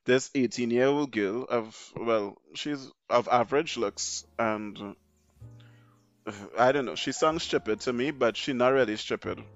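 A man's voice: medium pitch, unhurried, muffled recording, faint music behind. A man hosting a solo podcast, ranting bluntly and rambling through his opinions. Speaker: podcast host.

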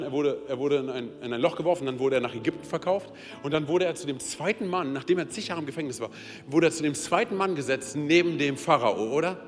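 A man preaching a sermon in a casual, direct way, often calling out to the listener and building to urgent peaks. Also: long reverb tail. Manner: casual, direct, keeps saying hey and oder; builds to loud, high-pitched urgency. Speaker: pastor. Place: church service.

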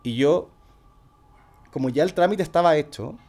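A man's voice: on the high side, moderate pace. Slangy young Chilean man telling a story. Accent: Chilean Spanish. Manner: slangy, animated, acts out quoted speech. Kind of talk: casual storytelling chat.

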